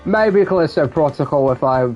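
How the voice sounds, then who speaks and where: A man's voice: fairly high pitch, animated, moderate pace, darkish tone, lo-fi sound, soft background music. A man streaming a game live, chatting in a rambling, giggly way that keeps interrupting itself. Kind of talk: live gameplay commentary.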